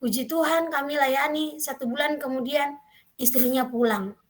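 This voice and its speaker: A middle-aged woman, preaching a devotional sermon and telling a story, quoting people in lively voices. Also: high voice, normal speed.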